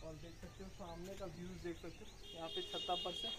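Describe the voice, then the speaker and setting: A young adult man with a high voice talks fairly quickly and flatly while casually showing his sister, who is filming, around a small concrete house and its rooftop. The camera mic is a few steps off, the bare rooms echo, and the recording is very noisy.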